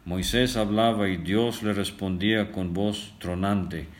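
A very deep-voiced older man leads a Bible study in an unhurried, deliberate way. He reads scripture aloud and stops often with fillers to explain it. The voice sits low throughout. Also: steady tone. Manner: slow, deliberate reading with frequent filler pauses. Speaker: Bible teacher.

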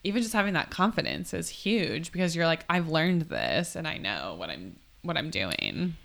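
A woman in her twenties hosts a casual interview chat, her speech full of likes and quick agreement. Her slightly low voice moves lively up and down, bright with a gravelly edge. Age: 20s. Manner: chatty, lots of filler likes and agreeing. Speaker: podcast host.

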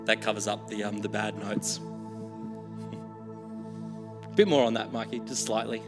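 A pastor speaks casually to his congregation in a big hall, poking fun at his own singing ahead of a sung creed while acoustic guitar plays. His voice is on the low side, delivered flatly at a moderate pace.

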